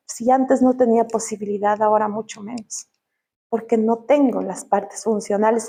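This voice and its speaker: A woman from Ecuador with an Ecuadorian accent, telling her personal faith testimony and acting out quoted dialogue in a raised voice. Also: a little mellow. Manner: heartfelt, acts out quoted dialogue in higher voice. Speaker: church visitor giving testimony.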